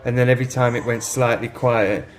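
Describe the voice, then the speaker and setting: A man's voice: medium pitch, little pitch movement, brisk, a little hiss or hum. A middle-aged man, chatting casually with a co-host in a pub, laughing often and swearing freely. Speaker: podcast co-host. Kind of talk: casual chat.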